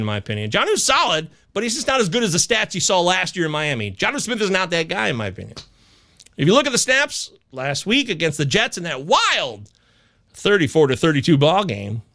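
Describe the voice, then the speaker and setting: A man's voice: high-pitched, bright, forceful tone. A man hosting a casual live sports advice chat, stoned, talking in a laid-back stoner drawl with stretched words and repeating himself for emphasis. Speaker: host of a fantasy football advice live chat. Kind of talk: casual live chat commentary, answering viewers' questions.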